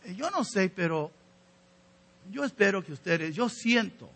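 A man preaches a sermon to his congregation, earnest and exhorting as he turns to his listeners. His voice sits high with a gravelly fry. The tone is bright but husky. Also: lively intonation, unhurried. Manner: earnest, exhorting, addresses listeners directly as brothers. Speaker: pastor.

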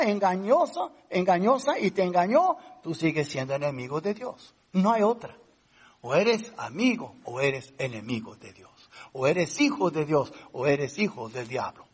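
Brief: male pastor, emphatic sermon, lively pitch swings, mix. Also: husky. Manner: emphatic preaching with questions to the congregation and English fillers.

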